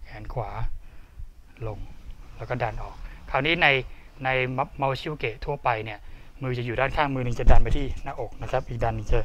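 Slow-paced male karate instructor, mid-pitched, halting and repetitive, walking through each move. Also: fairly bright tone. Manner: halting, repeats words, explains each step twice. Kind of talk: demonstrating and explaining technique. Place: karate dojo.

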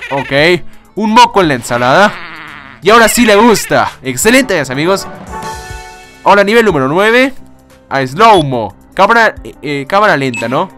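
A young man casually commenting on a game, excitable, swearing and laughing often. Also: a little high. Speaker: gaming YouTuber. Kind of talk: casual let's-play commentary.

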